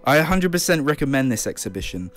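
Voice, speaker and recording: A man's voice: mid-range voice, very animated, fast. A man reading scripted documentary-style narration for a video report. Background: music.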